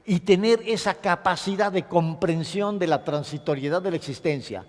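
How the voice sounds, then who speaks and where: A man's voice: high voice, moderate pace, long reverb tail. A man giving a classroom lecture. He speaks expressively and dictates points for his listeners to write down. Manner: expressive, acts out sobs and dictates points to note.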